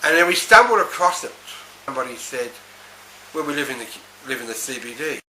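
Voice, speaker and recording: A man's voice: mid-range voice, lively intonation, a little fast, pushed and bright. An Australian man, a community group founder, recounting its history in a matter-of-fact way. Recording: roomy with faint background noise.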